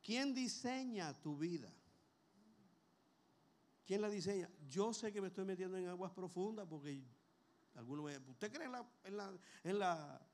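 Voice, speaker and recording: A man preaches a sermon. He talks in a conversational, storytelling way, tossing rhetorical questions at the congregation. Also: high-pitched.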